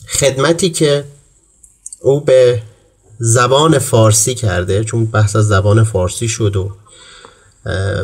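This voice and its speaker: A man's voice: fairly low pitch, darkish tone. A man hosting a literary talk programme in a formal, courteous manner. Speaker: host.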